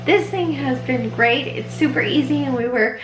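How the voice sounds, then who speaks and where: A woman's voice: sits high, moderate pace, music in the background. A young woman chatting casually to viewers, explaining each step of her routine at home. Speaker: vlogger. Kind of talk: casual vlog walkthrough. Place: at home, narrow laundry room and kitchen. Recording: echoey room.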